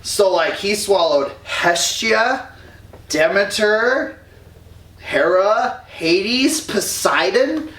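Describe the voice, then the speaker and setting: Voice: medium pitch, lively intonation, drawn-out words, a bit bright. A storyteller retelling a myth while drinking, rambling and slangy. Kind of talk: drunken comic myth retelling. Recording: roomy echo, distant mic.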